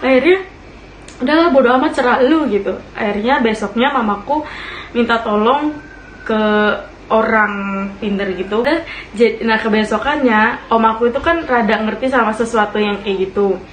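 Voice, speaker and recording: A woman's voice: fairly high pitch, normal speed. A young woman, telling a ghost story in a casual, chatty way to her listeners and often laughing as she talks. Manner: chatty, addresses listeners as friends. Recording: echoey room with faint hiss.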